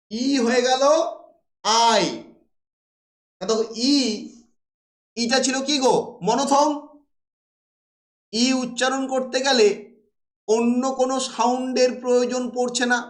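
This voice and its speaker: A man teaching a class, lecturing and posing rhetorical questions that he then answers himself. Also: very high voice. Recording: roomy echo.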